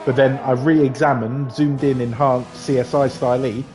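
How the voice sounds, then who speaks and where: A man's voice: medium pitch, flat delivery, normal speed, noisy background. A man with a London accent commentating on a live sim-racing league, chatty and joking with his co-host. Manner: chatty, jokey banter with co-host. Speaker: race commentator.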